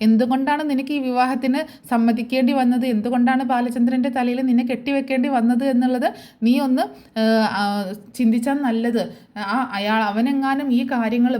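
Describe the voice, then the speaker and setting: A woman's voice: a little high, fairly even intonation, a little fast, dark tone, close to an everyday voice. A woman voicing a stern elderly grandmother who lectures and reproaches her daughter. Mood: reproachful.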